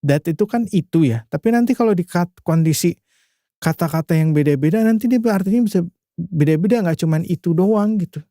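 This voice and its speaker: A man's voice: a little high, fairly quick, mellow, no echo, studio quality. A man from Indonesia teaching English in a casual, chatty screen-share lesson, with loose phrasing and frequent restarts. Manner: chatty, loose, many filler tags and restarts. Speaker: English tutor.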